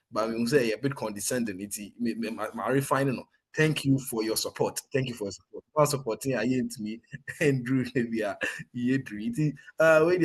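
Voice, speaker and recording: In an interview that blends Twi with English, a young Ghanaian soldier currently in service speaks with a clearly husky voice and Ghanaian accent. His pitch is middle-range for a man, and his earnest, animated delivery is full of restarted sentences.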